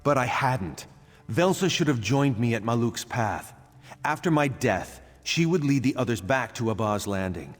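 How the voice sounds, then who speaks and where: A man's voice: mid-range voice, expressive, normal speed, close to an everyday voice. An actor playing a retired thief turned painter, a resigned married man, with theatrical, confessional delivery in a video game. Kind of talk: video game character dialogue. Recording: long reverb, music behind.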